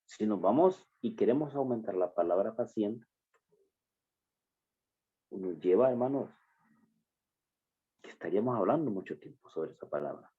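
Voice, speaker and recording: A man preaching a sermon, addressing the congregation as brothers and stressing phrases slowly and emphatically. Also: on the low side, lively intonation, husky. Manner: slow, emphatic preaching with drawn-out words. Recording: dull lo-fi recording.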